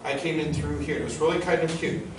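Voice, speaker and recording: Man, middle-aged, tour guide, conversational storytelling, slightly high pitch, clearly noisy recording. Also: fast. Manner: conversational, asks listeners questions. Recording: distant, very echoey, noisy group-tour recording.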